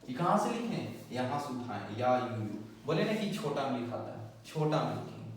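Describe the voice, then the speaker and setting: A man's voice: medium pitch, very animated, normal speed. A man teaching a step-by-step lesson at a board, repeating syllables and often checking that students follow. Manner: repetitive, drilling syllables, checking with listeners. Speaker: Japanese teacher. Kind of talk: whiteboard lesson explaining step by step. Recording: echoey room, far from mic, faint noise.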